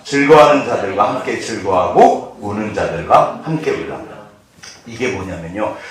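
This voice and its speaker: A male pastor preaching a sermon, asking the congregation questions and answering them himself, acting out voices along the way. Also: medium pitch. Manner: animated, acts out quoted voices. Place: church sanctuary. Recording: very echoey hall, mic at a distance.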